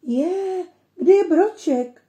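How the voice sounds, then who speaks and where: Lively little girl for a storybook, read by a woman, mellow tone. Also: mid-range voice, roomy sound, lightly acted. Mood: eager.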